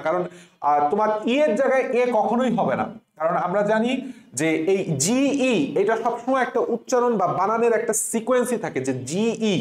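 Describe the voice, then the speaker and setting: High-voiced man teaching spelling. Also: roomy sound. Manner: repeats and breaks words into sounds, asks rhetorical questions. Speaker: tutor. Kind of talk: exam spelling lesson.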